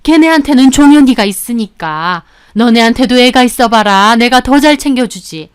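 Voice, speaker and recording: A woman's voice: fairly high pitch, expressive, smooth, close to an everyday voice. A woman playing a scolding older mother-in-law. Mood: reproachful. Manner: scolding, reproachful, sometimes slow and emphatic. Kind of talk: scripted storytelling.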